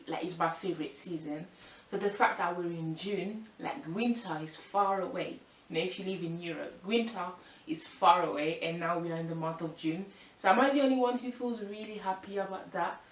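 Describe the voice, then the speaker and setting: A woman in her twenties from France, vlogging in a casual, rambling way with lots of fillers and restarts. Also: on the low side. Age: 20s. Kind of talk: casual chat to camera. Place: room at home by a window. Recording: echoey room, mic at a distance, faint hiss.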